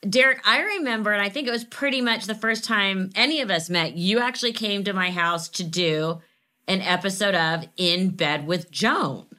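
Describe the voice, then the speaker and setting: A woman's voice: medium pitch, moderate pace, sharp tone. A woman hosting a casual panel chat, teasing and laughing often. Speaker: host.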